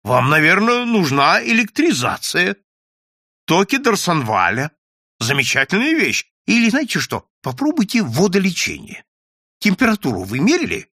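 A man's voice: sits high, sing-song, normal speed, gravelly, hardly any pauses, a bit bright, husky, dry recording, studio quality, voice pushed up, exaggerated voice. A man voicing a fussy male office clerk who chatters eagerly with advice.

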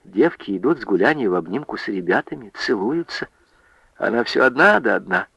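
A man narrating a literary story for radio in a measured, expressive way. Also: fairly low pitch, gravelly, husky, no echo, lo-fi sound.

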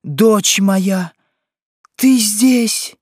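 A shrill, indignant older woman cries out in a high, wavering voice, as a male narrator puts her on. She speaks slowly, and her pitch jumps sharply. The reading is close and dry. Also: very animated, darkish tone, no room sound, full character voice. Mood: shocked. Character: agitated older woman, a false witness.

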